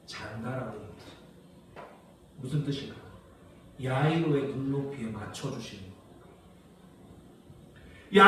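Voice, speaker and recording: High-voiced pastor preaching in an echoey church. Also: male voice. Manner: asks the congregation questions and answers them himself; swings between hushed low lines and loud emphatic ones. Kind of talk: sermon. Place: rural church sanctuary. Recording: echoey church hall, heard from far off.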